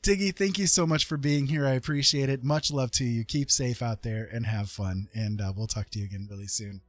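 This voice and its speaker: A livestream host chats casually with viewers and thanks them effusively, speaking briskly in a mid-range voice. The recording is dry, with music playing behind his voice.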